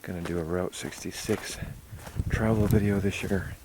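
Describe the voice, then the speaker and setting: A man casually narrating an outdoor hiking vlog to his viewers on a windy high ridge, recorded on a handheld camera with wind noise. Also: fairly even intonation, moderate pace. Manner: informal, addressing viewers as "guys". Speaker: hiking vlogger.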